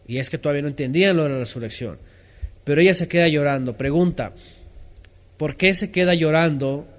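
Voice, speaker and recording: A man teaches from the Bible with a slightly higher voice. He poses questions, reads out answers from his listeners and pauses over scripture passages to explain them. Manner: reads scripture aloud, stopping to comment.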